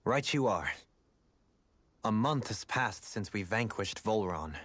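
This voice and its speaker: A man's voice: fairly low pitch, animated, slow pace, fairly bright tone, dry recording, heavily acted. A man voicing a composed, analytical video game adviser with formal, old-fashioned phrasing. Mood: composed, pensive.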